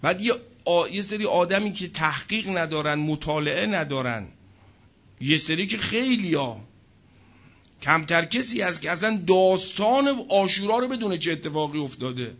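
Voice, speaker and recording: A man's voice: a little high, animated, fairly bright tone, lo-fi sound. A man giving a sermon to an audience, emphatic and full of rhetorical questions. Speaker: religious speaker.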